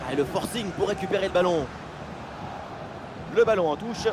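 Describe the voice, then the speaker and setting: An actor playing an excitable male football play-by-play commentator, giving excited sports commentary in an exclamatory way. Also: sits high, normal speed, very noisy. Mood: eager, focused. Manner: exclamatory, voice leaping up on goals.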